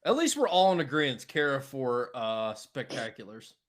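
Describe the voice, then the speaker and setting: A man's voice: mid-range voice, very animated, moderate pace. A man co-hosting a podcast in blunt, profane, casual chat. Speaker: podcast co-host.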